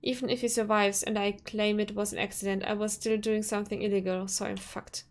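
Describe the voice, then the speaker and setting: A woman's voice: mid-range voice, little pitch movement, fairly quick. A woman narrating a visual novel in first person, reading steadily with the occasional restart. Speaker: let's play narrator.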